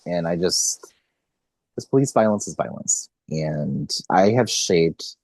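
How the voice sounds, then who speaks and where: A man's voice: sits low, animated, takes it slowly, darkish tone, no room sound. A man in his late twenties hosting a podcast, talking in an earnest, rambling way and correcting himself often. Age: 20s. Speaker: podcast host. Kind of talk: casual podcast conversation.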